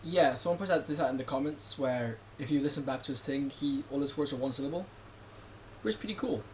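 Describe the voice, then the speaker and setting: A man's voice: medium pitch, quick pace, slight background noise, poor audio. A man giving casual reaction commentary while watching a video, rambling with many fillers and restarts.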